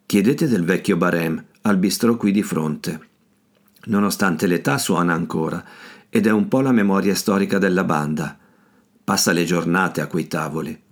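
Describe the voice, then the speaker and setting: A friendly village priest explains things calmly, voiced by a male reader. His low voice has a gentle, patient manner. It is an audiobook reading. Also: normal speed.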